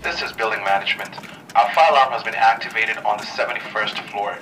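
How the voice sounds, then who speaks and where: A man making a formal building-management announcement over the intercom, heard through a loudspeaker in a stairwell. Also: lowish voice, recorded from a distance, background noise. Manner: formal, measured, repetitive. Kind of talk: public address announcement. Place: stairwell of a high-rise building. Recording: echoey loudspeaker heard from afar.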